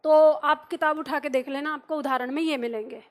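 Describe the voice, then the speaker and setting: A woman's voice: high voice, fairly even intonation, a little fast. A woman teaching a Hindi grammar video lesson. She keeps asking the viewer rhetorical questions and draws out vowel sounds to demonstrate them.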